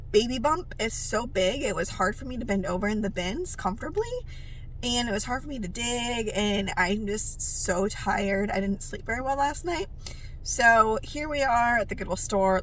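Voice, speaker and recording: A woman's voice: mid-range voice, moderate pace, fairly bright tone, a little hiss or hum. A woman narrating a casual thrift vlog as a reseller, chatting and thinking aloud with frequent fillers. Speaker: reseller vlogger.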